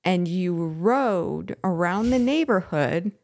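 A woman's voice: fairly low pitch, animated, slow pace, gravelly, a little mellow. A woman around forty co-hosting a casual chat, playful and teasing. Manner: playful, laughs and teases. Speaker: podcast co-host.

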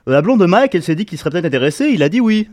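A man hosting a casual radio interview, joking and cutting in quickly. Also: high voice, very animated, a little mellow. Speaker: radio host.

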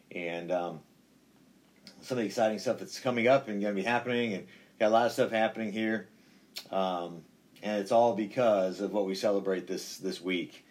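A pastor with a low, slightly mellow voice shares his faith in an informal podcast talk. He's conversational and halting, circling back to repeat phrases. The recording takes place indoors, inside a metal church building.

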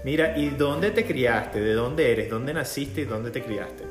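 A male host runs a live, laid-back interview, chatty and effusive as he trades jokes with his guest. His medium-pitched voice is animated yet unhurried, heard in a roomy space with guitar music behind him.

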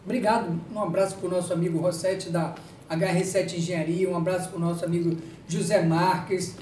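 A man hosting a live talk show, jovial and chatty, giving sponsor shout-outs. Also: sits high, little pitch movement, a little fast, reverberant, far from the mic, slight background noise. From Brazil. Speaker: host.

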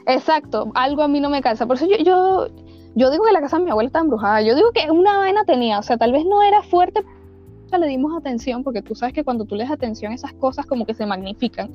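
A woman's voice: high voice, expressive, fast. A young woman with a Venezuelan accent tells a ghost story in casual, slangy chat, full of fillers and restarts. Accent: Venezuelan Spanish. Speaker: podcast storyteller. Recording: dull lo-fi recording with faint music.

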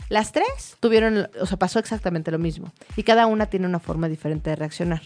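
A woman's voice: lowish voice, animated, fairly quick, a little mellow, soft background music. A woman, a child therapist, explaining things in a chatty, storytelling way. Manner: chatty, many fillers, storytelling. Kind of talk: explanatory conversational talk.

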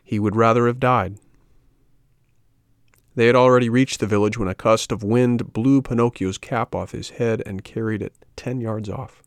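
A man narrating a classic storybook in a measured, expressive reading. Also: fairly low pitch, clear, resonant tone, no room sound, clean studio sound.

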